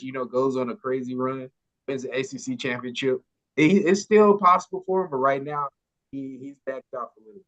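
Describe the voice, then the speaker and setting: A man's voice: mid-range voice, fairly bright tone, muffled recording. A man co-hosting a casual sports podcast, slangy and stumbling through restarts, calling people "bro.".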